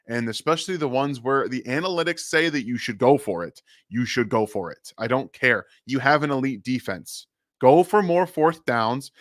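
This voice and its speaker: A man argues his sports takes with a very lively, rising and falling pitch. He pushes his points hard and sounds dry and close to the mic. He is a podcast co-host on a remote call. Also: dry recording. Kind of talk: casual sports talk.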